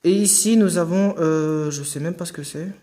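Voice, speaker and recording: A man's voice: a little high, moderate pace, warm tone. A man casually hosting an unboxing video, hesitant with many fillers and restarts, joking asides to viewers.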